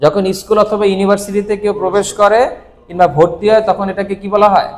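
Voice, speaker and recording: A man teaching a Japanese kanji lesson, asking questions and answering them himself with steady repetition. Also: high-pitched, fast talker, in a large hall. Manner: asks questions and answers them himself, repeating key words.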